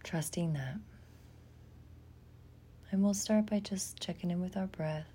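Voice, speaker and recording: This is a guided imagery meditation led by a woman whose voice is on the low side, soft and breathy. She speaks gently in short, soothing bits, pausing at length between each.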